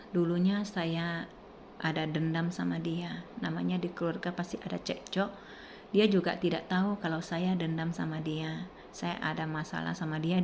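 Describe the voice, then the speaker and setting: A woman's voice: lowish voice, darkish tone, slight background noise. A middle-aged woman telling a personal testimony in casual, rambling speech with many fillers and restarts. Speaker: testimony speaker.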